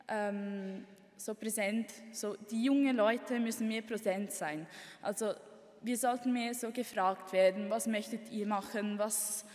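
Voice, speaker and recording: A woman's voice: fairly high pitch, a little mellow. Hesitant teenage girl from Italy. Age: teens. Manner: hesitant, apologetic, many fillers. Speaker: youth camp participant. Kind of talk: unscripted speech on stage. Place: conference hall. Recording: hall reverb.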